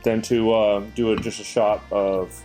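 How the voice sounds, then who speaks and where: A man's voice: fairly low pitch, flat delivery, unhurried, darkish tone, faint music behind. A man hosting his own chat show, talking earnestly and rambling with lots of fillers and restarts. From Greek heritage. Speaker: show host.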